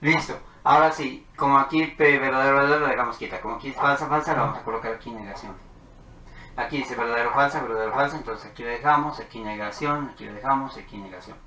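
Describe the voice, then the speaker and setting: A man explains propositional logic step by step, calmly reading out truth values as he writes them. His voice is bright and forward. The recording rings with room echo over a faint background hiss. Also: medium pitch, fast talker. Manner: methodical, talks while writing tables. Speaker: math teacher. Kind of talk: whiteboard logic lesson. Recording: echoey room with faint noise.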